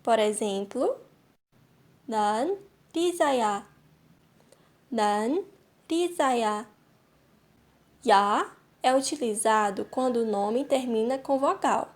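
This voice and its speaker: A young adult woman narrating a language lesson, speaking clearly and deliberately and repeating each example slowly. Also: a little high, darkish tone. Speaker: Korean language teacher.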